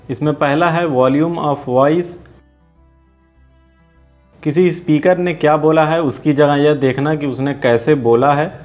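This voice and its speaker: A man giving a scripted explainer lesson in a steady, even lecture delivery. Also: on the high side. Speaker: teacher. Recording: dull lo-fi voice-over with faint music.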